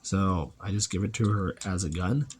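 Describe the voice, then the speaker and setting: A man casually reviewing a toy, chatty and relaxed, thinking aloud as he handles it. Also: deep voice, normal speed, a little hiss or hum.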